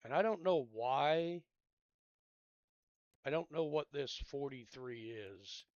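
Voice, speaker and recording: A man giving casual gameplay commentary, rambling and thinking out loud in a laid-back, drowsy way. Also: medium pitch, takes it slowly, dry recording, muffled recording.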